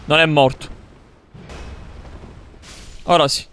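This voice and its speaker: A man's voice: on the high side, little pitch movement, slow pace, sharp tone, slight background noise. A man commentating his gameplay, taunting enemies and swearing as he plays. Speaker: gamer. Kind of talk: let's play commentary.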